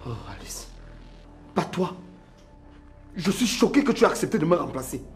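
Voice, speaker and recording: A woman's voice: lowish voice, lively intonation, normal speed, faint music behind, natural voice. A woman voicing a hurt older brother who reproaches his sister. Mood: reproachful.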